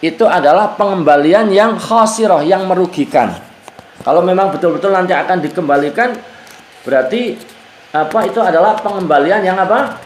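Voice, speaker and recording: A man's voice: high-pitched, moderate pace, slight background noise. A male Islamic teacher explaining Quran verses to a women's study group, patiently repeating key phrases and chanting Arabic verses. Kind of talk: Quran exegesis class. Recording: echoey room.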